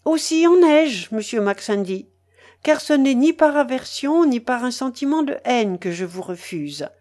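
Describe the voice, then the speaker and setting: A woman reading aloud voices an innocent young woman, lifting her voice high and sounding pleading and emotional. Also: expressive, measured pace, a little mellow. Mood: earnest. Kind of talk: dramatic reading of a novel.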